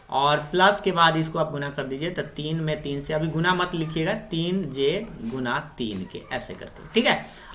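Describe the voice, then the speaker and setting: A woman's voice: low voice, fairly bright tone. A young woman teaching maths, patiently explaining exam problems step by step and repeating herself. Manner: patient, repetitive explaining with frequent "dekhiye" and "thik hai". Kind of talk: exam-prep lesson over worked problems.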